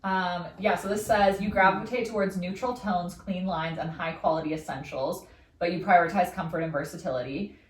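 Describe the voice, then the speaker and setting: A woman's voice: on the low side, fairly even intonation, fairly quick. A young woman co-hosting a casual chat podcast. She talks in an upbeat way and fills her sentences with "like". She sits a bit back from the mic, so her voice sounds distant and roomy. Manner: upbeat, lots of "like" fillers, reads quiz results aloud. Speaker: podcast co-host.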